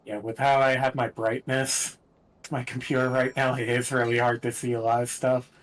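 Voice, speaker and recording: A man playing along in a game stream, making relaxed, dry remarks. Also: medium pitch, normal speed. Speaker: co-player. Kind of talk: casual game-stream chat.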